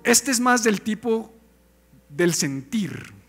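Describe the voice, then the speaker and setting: A man preaching a sermon in a high, bright-toned voice. His delivery is animated and chatty, and he keeps throwing questions at the congregation. Soft music sits faintly behind him. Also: takes it slowly, gravelly, husky. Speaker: pastor.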